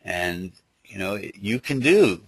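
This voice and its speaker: A man with a lisp giving an informal spoken teaching in a halting, loosely worded way, as a Buddhist teacher. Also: lowish voice, big pitch swings, creaky, slightly rough, no echo, rough recording. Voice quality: lisp from dental problems.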